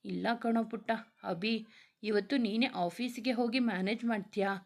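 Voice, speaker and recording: A woman's voice: fairly high pitch, normal speed, lightly acted. Woman reading as a tender young husband. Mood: earnest. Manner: gentle, affectionate, soothing. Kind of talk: read-aloud story dialogue.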